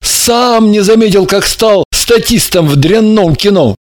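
A man's voice: high-pitched, lively intonation, measured pace, pitched above the performer's own voice. Man reading as an anguished young man cursed in love. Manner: pleading, despairing. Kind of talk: audiobook character reading.

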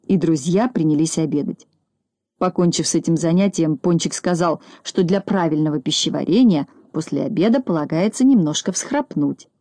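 A woman reading a children's story aloud in a calm, even storytelling voice. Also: low-pitched, dry recording, clean studio sound. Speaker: reader.

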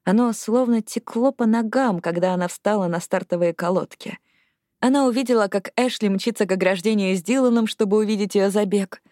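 A woman narrates an audiobook, her reading expressive and rising with the action. Her voice sits at a middle pitch. The recording is dry and close. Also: brisk, dry recording. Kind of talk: scripted narration.

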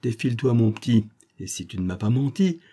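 A man voicing a cheeky young male actor-sleuth who talks in lively street slang. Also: medium pitch, a little fast, lightly acted. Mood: scheming.

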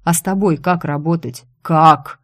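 A woman voicing a gruff, domineering male boss in an audiobook, speaking slowly and menacingly, then snapping into angry scolding. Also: sits low, steady tone. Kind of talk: audiobook character reading.

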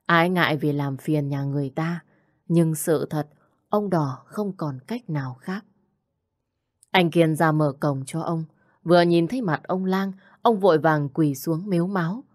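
Low-voiced woman storyteller. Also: unhurried, darkish tone, dry recording, clean studio sound. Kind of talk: scripted horror story narration.

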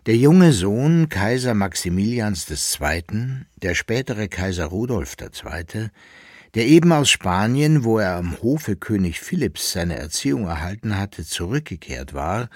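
Husky man narrating a novel. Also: lowish voice, darkish tone, dry recording, clean studio sound. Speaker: reader. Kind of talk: audiobook narration of a historical novel. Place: radio studio.

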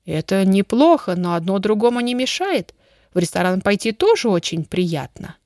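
A woman's voice: medium pitch, very animated, normal speed, a little mellow, dry recording, clean studio sound. Woman reading an eager, affectionate grandmother.

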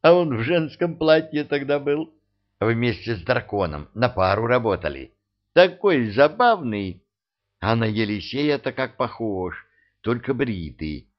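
A man's voice: mid-range voice, big pitch swings, a little slow. A man voicing a young, spirited tsar's daughter who is dreamy, curious and frank. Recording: dull lo-fi audio.

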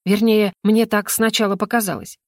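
A woman's voice: mid-range voice, steady tone, moderate pace, no room sound, clean studio sound. A woman narrating a fantasy audiobook in the first person, reading expressively.

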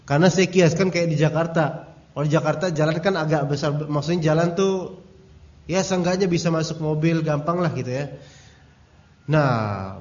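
A male Islamic teacher giving a religious study lecture, his voice sitting a bit high for a man. He keeps it casual and joking, tells anecdotes and talks straight to his listeners. The recording sounds dull and lo-fi. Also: a little mellow. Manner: addresses audience directly.

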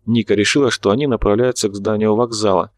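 A man narrating an audiobook in a steady, even storytelling voice. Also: on the low side, fast. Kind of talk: scripted narration.

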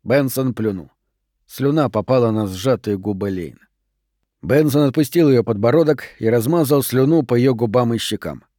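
A man narrates a novel with an even, measured reading at a middle pitch. The recording is dry and close, with no room sound. His pacing is steady and unhurried throughout. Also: no echo. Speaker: audiobook narrator. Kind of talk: scripted narration.

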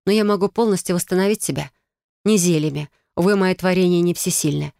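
A woman voicing a young witch, speaking higher and more urgently, sometimes scolding. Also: a little fast, creaky, mellow, no room sound, studio quality. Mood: stern.

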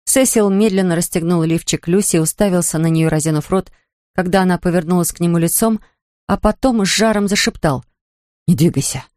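A man narrating an audiobook in an even, measured reading voice. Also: high voice, dry recording, clean studio sound. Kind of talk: scripted narration.

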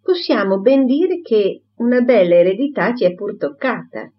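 A woman's voice: on the high side, very animated, moderate pace, dull audio, pitched above the performer's own voice. A woman voicing a talkative older spinster who rambles breathlessly from one thing to the next. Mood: gushing.

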